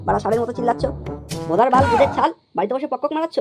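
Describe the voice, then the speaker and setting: A woman's voice: fairly high pitch, animated, racing, music in the background. A woman voicing a cheeky, lazy young husband in a comedy cartoon, giggling and talking back. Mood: defiant.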